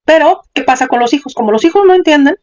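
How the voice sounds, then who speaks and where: A man's voice: very high-pitched, animated, quick pace, muffled recording. A man hosting a question-and-answer show, giving affirming pastoral advice and explaining things step by step. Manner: affirming, calls the caller sister, explains step by step. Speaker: host and counselor.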